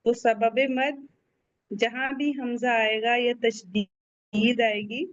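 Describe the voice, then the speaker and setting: A woman teaching Quran in an online lesson, explaining slowly and drawing out recited letters. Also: on the high side, fairly even intonation. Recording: dull lo-fi audio.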